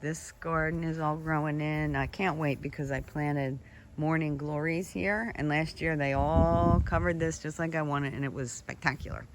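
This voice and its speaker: A gardener strolls through an outdoor garden, slightly out of breath and exclaiming over the plants. The voice sits mid-range and is picked up on a handheld camera, with steady outdoor ambience behind it. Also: medium pitch, moderate pace, slight background noise. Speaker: gardener showing her garden. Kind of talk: casual walking garden tour.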